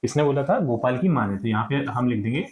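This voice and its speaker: A man's voice: mid-range voice, lively intonation, quick pace, roomy sound. A man explaining a textbook lesson to children, patiently asking and answering his own questions. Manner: patient, checks with repeated "ठीक है" and questions. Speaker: teacher.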